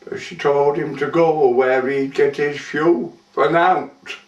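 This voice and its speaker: A man reciting a comic verse monologue in a slow, measured telling. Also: a little high, steady tone. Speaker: monologue performer. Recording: roomy, distant, muffled.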